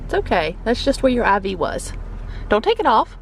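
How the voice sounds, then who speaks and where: A woman's voice: a little high, very animated, normal speed, gravelly, a little hiss or hum. A middle-aged woman chatting casually as a vlogging mother, coaxing and repeating instructions as if to a child. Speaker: mother vlogging with her son. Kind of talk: casual vlog chat. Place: inside a car.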